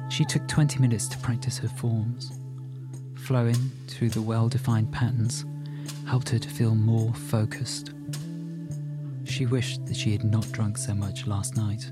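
A man narrating an audiobook in a calm, even storytelling manner. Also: fairly low pitch. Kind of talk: scripted narration.

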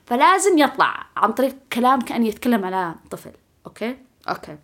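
A young woman telling a story on her podcast in a casual, animated, self-mocking way, often laughing. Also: fairly high pitch, fast talker. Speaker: podcast host.

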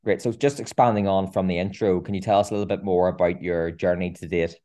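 Low, dark-voiced male podcast host. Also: steady tone, fast talker. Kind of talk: scripted introduction and interview questions.

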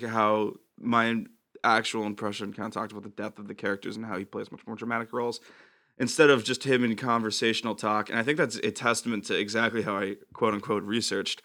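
A man's voice: on the low side, steady tone, bright, forceful tone. A man co-hosting a comedy podcast, chatting casually and joking with frequent laughs. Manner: joking, laughs often, quick asides. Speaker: podcast co-host.

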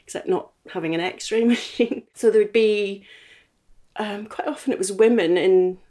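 Speaking from inside a house, a Belfast woman in her late forties with a Northern Irish accent is an interview guest, casually recalling the past in a thoughtful, somewhat hesitant way. Her voice is mid-range and mellow, at a moderate pace.

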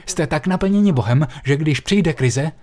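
A man preaching a sermon, telling a personal story vividly and slowing down on stressed phrases. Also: on the high side, expressive, a little mellow.

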